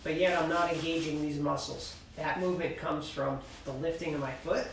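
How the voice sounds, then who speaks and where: In an echoey, cluttered indoor ski workshop, a man coaching skiing demonstrates technique and explains it calmly through coaching cues. His pitch is fairly high and his speed normal, and the far-off camera mic catches a little hiss or hum.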